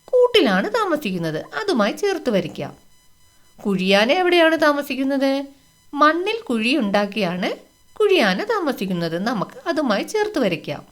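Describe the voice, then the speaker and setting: Woman teacher for little kids, high and lively, sing-song questions. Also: normal speed. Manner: sing-song questions to children, acts out animal lines. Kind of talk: children's lesson walkthrough.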